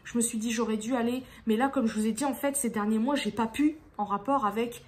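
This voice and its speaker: A woman's voice: on the high side, fairly even intonation, brisk. A woman vlogging to her viewers in a casual, exasperated way, rambling with frequent restarts. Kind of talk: casual venting vlog.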